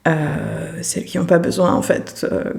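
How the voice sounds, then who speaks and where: A woman yoga teacher hosting her podcast, speaking gently and thoughtfully with frequent hesitations and soft laughs. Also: fairly low pitch, level tone, a little slow, gravelly. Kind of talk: reflective podcast monologue.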